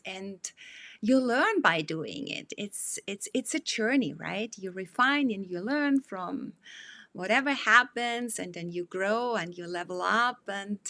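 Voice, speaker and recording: A woman's voice: mid-range voice, sharp tone, no room sound. A non-native English-speaking woman with a foreign accent, chatting in an interview and searching for her words. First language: not English. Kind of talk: conversational interview.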